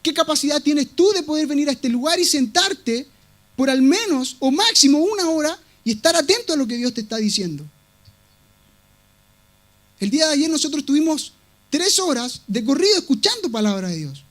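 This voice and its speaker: A man's voice: extremely high pitch, sing-song, moderate pace, a bit bright. A male pastor preaching a sermon with emphatic delivery, repeating key words for weight. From Latin America.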